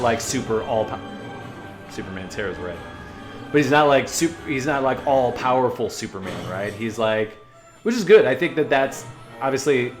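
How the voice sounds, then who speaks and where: This man's mid-range voice carries a reaction video in which he comments on a cartoon, chatting casually and musingly with halting asides.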